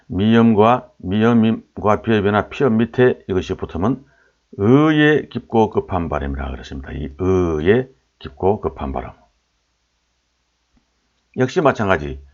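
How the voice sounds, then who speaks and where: Deep-voiced man lecturing in a lively lilt. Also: highs cut off. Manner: repeats sample syllables aloud, asks rhetorical questions. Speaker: lecturer on old Korean pronunciation. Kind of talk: explanatory lecture.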